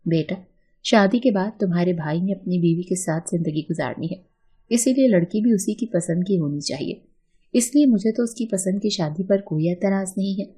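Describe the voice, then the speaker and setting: A patient middle-aged mother who soothes and coaxes her family, as a woman reading the story puts her on. Her voice is mellow and a little husky, delivered in an even storybook read. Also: mid-range voice, lightly acted. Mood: gentle. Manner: gentle, coaxing. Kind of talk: storybook narration.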